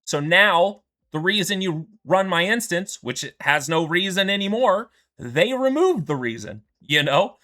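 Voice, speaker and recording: A male game streamer talks casually in an aggrieved tone, often checking in with "right?" and "you know?". His voice sits a little high and sounds bright and forceful. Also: animated, a little slow, few pauses. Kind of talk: casual gaming stream talk.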